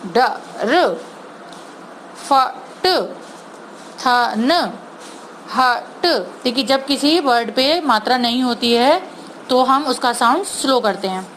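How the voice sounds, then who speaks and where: A woman teacher giving an online Hindi lesson to young children, sounding out words slowly and patiently, mixing English words into her Hindi. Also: on the high side, a bit bright, slight background noise, rough recording. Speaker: primary school teacher.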